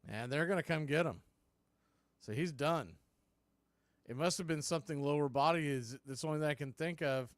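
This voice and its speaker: A man with a slightly high voice calls live baseball play-by-play for a fan watch party, speaking at a moderate pace with frequent pauses and no echo. He's an informal, colloquial homer who openly cheers for his team.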